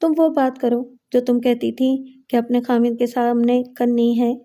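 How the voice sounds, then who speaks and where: A woman's voice: on the high side, little pitch movement, mellow, lightly acted. Stern village headman, read by a woman. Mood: commanding.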